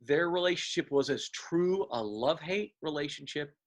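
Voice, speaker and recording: A man's voice: fairly high pitch, expressive, normal speed. Man reminiscing with fillers and restarts. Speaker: interview guest. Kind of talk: casual interview.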